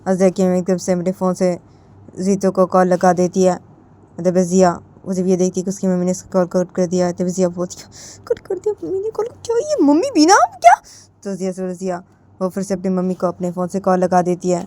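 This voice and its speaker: A woman's voice: fairly low pitch, monotone, brisk, dark tone. A woman with a Hindi accent casually narrating a story, often repeating her linking words. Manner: repetitive, many "to" linkers.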